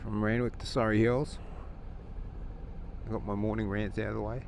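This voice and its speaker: Riding outdoors with the mic inside his helmet, a motovlogger rants in a casual, rambling, opinionated way, chuckling as he chats. His voice is fairly low, gravelly and a little mellow, with a level tone at a normal speed. You can hear engine and traffic noise in the recording.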